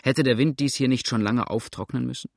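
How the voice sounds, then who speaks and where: A man voicing a sharp-eyed male hunter in an audiobook, speaking in a pointed, commanding way. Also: medium pitch, fairly quick, vocal fry, no room sound, clean studio sound. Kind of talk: audiobook character reading.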